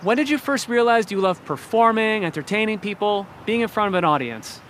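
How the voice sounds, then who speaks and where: Guy interviewer, high voice, bouncy, rapid-fire questions. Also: expressive, fairly bright tone, a little hiss or hum.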